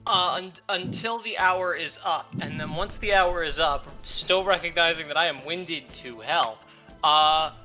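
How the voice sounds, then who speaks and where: A man taking part as a player in a tabletop game, thinking his moves through out loud, with music in the background. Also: on the high side, unhurried, rough recording. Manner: thinks aloud, planning moves. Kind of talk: tabletop role-play chat.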